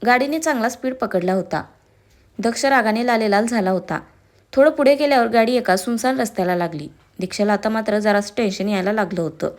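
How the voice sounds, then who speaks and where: A woman with a Marathi accent reading a dramatic story aloud, expressive in her narration. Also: a little high, a little fast.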